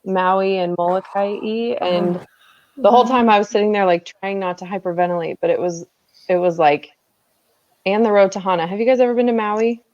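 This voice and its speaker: A woman's voice: medium pitch, a little fast, a little mellow, dry recording, muffled recording. A woman chatting on a video call, telling a story and laughing at her own fears. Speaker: author and group admin. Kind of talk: casual video call chat.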